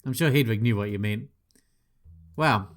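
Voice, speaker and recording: A gaming channel host with a lowish voice at normal speed plays through a visual novel, reading every part aloud. He voices each character and throws in playful asides, swearing now and then.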